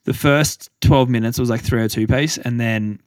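A man's voice: mid-range voice, steady tone, normal speed, darkish tone, no room sound, clean studio sound. A young man co-hosting a podcast, telling a running story in loose, filler-heavy casual chat. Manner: rambling storytelling with many fillers. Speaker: podcast co-host.

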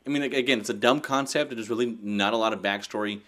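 A man's voice: on the low side, fast, fairly bright tone. A man co-hosting a casual podcast chat, laughing often and trailing off into fillers. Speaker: podcast co-host.

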